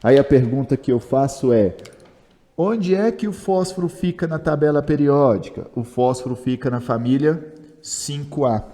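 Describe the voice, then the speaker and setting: A man's voice: mid-range voice, normal speed, dark tone, long reverb tail. A Brazilian man teaching chemistry in a chatty video lesson, asking himself questions and answering them, with jokes at his own expense. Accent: Brazilian Portuguese. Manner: jokey and self-mocking. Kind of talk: video lesson explaining step by step.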